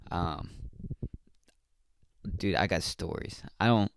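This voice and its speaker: Podcast host, male, very low smooth voice, rambling slangy storyteller, dry close sound. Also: no room sound. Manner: rambling, slangy, lots of fillers. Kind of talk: casual storytelling.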